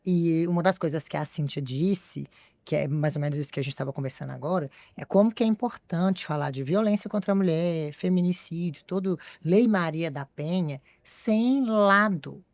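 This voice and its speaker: Low-voiced Brazilian woman hosting a podcast. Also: normal speed, a little mellow, dry recording. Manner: conversational, prompting the guest. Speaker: podcast host. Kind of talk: casual podcast conversation.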